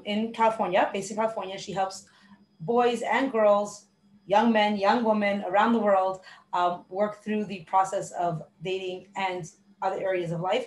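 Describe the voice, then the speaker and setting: Friendly woman host in a roomy space. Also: medium pitch. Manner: friendly, halting with many ums. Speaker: podcast host. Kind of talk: live session introduction. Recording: roomy with faint noise.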